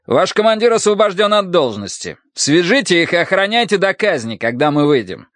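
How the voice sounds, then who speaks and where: A man's voice: high voice, very animated, a little fast, fairly bright tone, no room sound, voice pushed up. A man playing an arrogant first minister. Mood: commanding. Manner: haughty, issuing orders.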